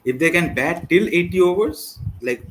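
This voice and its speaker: A man hosting a live cricket watchalong, rambling and chatty with slang and sudden excited bursts over the play. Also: sits high, moderate pace, a little hiss or hum, low-quality recording. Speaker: watchalong host. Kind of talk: casual live cricket commentary.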